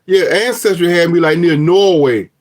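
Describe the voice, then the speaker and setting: A middle-aged vlogger with a slightly high voice, speaking at normal speed, goes over his DNA results on a phone. It's a casual review, full of rambling, jokes and frequent restarts.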